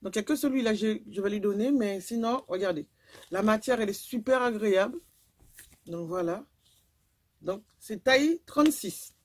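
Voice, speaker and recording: A woman's voice: medium pitch, lively intonation, normal speed. A woman, casually chatting through a clothing haul video and rambling with lots of fillers. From Guadeloupe. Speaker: vlogger.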